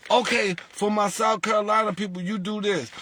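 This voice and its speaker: Against a noisy background, a lottery group leader addresses his followers in a voice that sits high, talking a little fast. He keeps things casual and animated, throwing out rhetorical questions and acting out callers.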